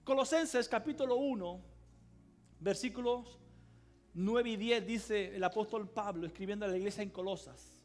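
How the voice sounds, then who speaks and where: A man preaching a sermon as pastor of a church, emphatic, swinging between loud cries and quiet asides and calling on the congregation to answer aloud. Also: high voice, normal speed. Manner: calls on the congregation to respond aloud. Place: church service hall.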